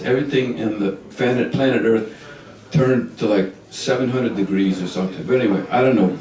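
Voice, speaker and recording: A man's voice: on the low side, darkish tone. A man telling a story live, rambling with chuckling asides, in a music store. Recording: roomy store from a distance.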